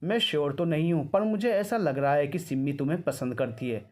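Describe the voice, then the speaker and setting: A man's voice: a little high, brisk, a little mellow, close to an everyday voice. A man voicing a jealous, possessive young fiancée who speaks sharply and suspiciously.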